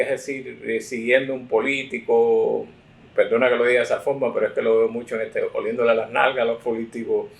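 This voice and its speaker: A man's voice: mid-range voice, a bit bright. A man in his sixties, a political consultant telling his career story in an interview, full of fillers and self-corrections. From United States. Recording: roomy echo.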